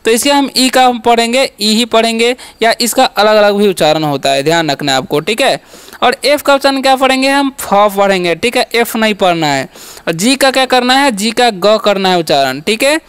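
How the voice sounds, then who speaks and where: A man with a very high voice teaches, asking a question and then answering it himself. He checks in with "okay" after nearly every line. His voice is smooth and resonant. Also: expressive, a little fast, fairly bright tone. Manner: drills with repeated questions and answers; frequent "ठीक है" and "okay" check-ins. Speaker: English teacher. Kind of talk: classroom-style lesson.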